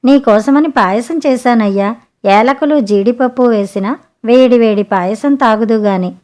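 A woman's voice: a little high, unhurried, darkish tone, lightly acted. Woman narrator playing a doting village wife.

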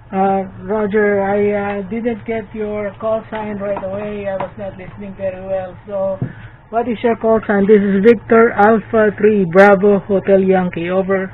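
A man making an amateur radio contact, heard over a fading shortwave radio signal, talking haltingly with many fillers. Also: high-pitched, flat delivery. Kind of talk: ham radio contact exchange. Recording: narrow-band shortwave radio with faint static.

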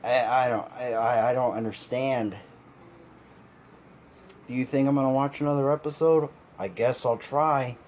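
Man, frustrated ranting commentary, mid-pitched voice, faint background hiss. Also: steady tone, a little slow, pauses often, a little mellow. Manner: frustrated, exasperated ranting with sighs and laughs. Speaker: video commentator.

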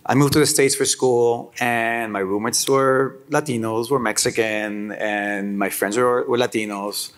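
A man in his forties from Israel, a panelist on a conference stage, speaking in a relaxed way and repeating words as he thinks. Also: mid-range voice, unhurried, hardly any pauses. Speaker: music executive panelist. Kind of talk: conversational panel answer. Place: conference stage before an audience.

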